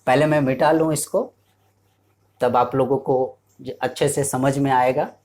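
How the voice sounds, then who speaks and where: This is a male teacher lecturing in a room with a board. He moves at an unhurried, measured pace. He breaks each idea into small steps and pauses often to ask his learners if they understand. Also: medium pitch, fairly even intonation, a little mellow. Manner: keeps checking in with students, explains step by step. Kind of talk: classroom lecture.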